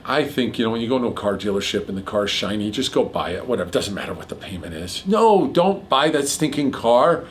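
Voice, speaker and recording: A middle-aged man hosting a casual chat about mortgages, explaining figures quickly with a jokey manner. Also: on the low side, slight background noise. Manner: rapid, jokey, piles on figures. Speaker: mortgage broker host.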